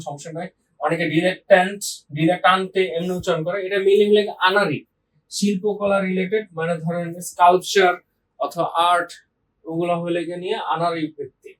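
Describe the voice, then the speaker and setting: A man's voice: high voice, distant mic, rough recording. A young man from Bangladesh teaching exam vocabulary in a casual way, asking questions and answering them himself. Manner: asks and answers his own questions. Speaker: vocabulary tutor.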